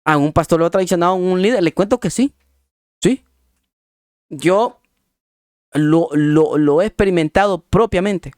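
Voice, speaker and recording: A pastor delivers a sermon in a fairly high, smooth voice, with dry close sound and no room echo. He hammers his points through repetition, slows down to spell out the meanings of words, and slips folksy asides to his listeners. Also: a little mellow. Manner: emphatic, repetitive preaching with slow spelled-out definitions.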